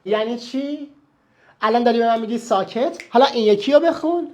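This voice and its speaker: Woman, English teacher, slightly high voice, quick check-in questions. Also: dark tone. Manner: quizzing the listener with quick questions. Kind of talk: teaching vocabulary to learners.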